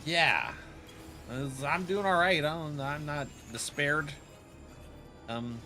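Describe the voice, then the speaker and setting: Animated, unhurried man commenting over gameplay. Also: fairly high pitch, faint music behind. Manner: slangy, reactive, joking to himself. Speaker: video game streamer.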